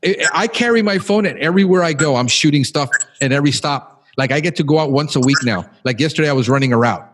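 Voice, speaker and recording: A man's voice: fairly high pitch, expressive, quick pace. A man who hosts a podcast, talking casually in an emphatic, encouraging, talkative way. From Cuban background. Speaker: podcast host.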